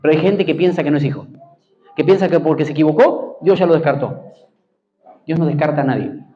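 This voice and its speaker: A man's voice: a little high, a little fast, dark tone, lo-fi sound. A man with an Argentine accent preaching a sermon as pastor, emphatic, repeating key phrases and calling for amens. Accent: Argentine Spanish.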